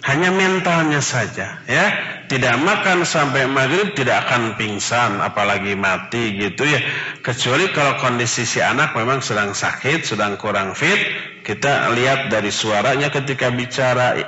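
Sundanese-accented guy preaching, bright lively voice, big echoey hall. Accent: Sundanese-tinged Indonesian. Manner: animated, acts out children's voices with high pitch jumps. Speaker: Islamic religious teacher. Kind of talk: Ramadan study lecture. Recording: echoey hall, muffled audio.

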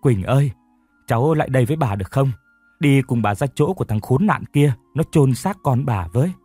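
A man's voice: medium pitch, expressive, brisk, mellow, breathy edge, no room sound, soft background music. A man voicing a grieving old mother who speaks in an anguished, accusing way.

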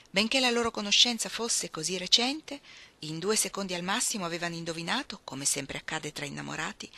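Bright-voiced Italian-reading woman narrator. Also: lowish voice. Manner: expressive, shifting between soft hushed phrases and emphatic ones. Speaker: reader. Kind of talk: literary audiobook reading.

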